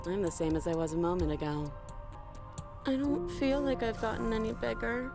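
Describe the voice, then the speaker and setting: An actress playing a guarded captive princess in a dark basement in a dramatic video game, moving between curt challenge and earnest pleading. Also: female voice, a little high, fairly even intonation, normal speed, lightly acted. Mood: cold, challenging. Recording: loud music underneath. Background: game music.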